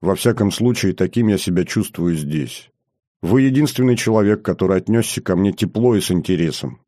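A man's voice: deep voice, expressive, a little fast, mellow, no echo, clean studio sound. A man voicing a bold, bitter young officer in an audiobook, speaking bluntly and earnestly. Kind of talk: audiobook character reading.

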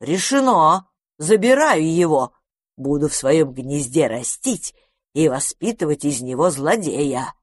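A woman's voice: deep voice, animated, breathy edge, no room sound, clean studio sound, full character voice. A woman playing a sly, mocking magpie. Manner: sly, drawn-out taunting. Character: cheeky greedy female magpie, mocking.

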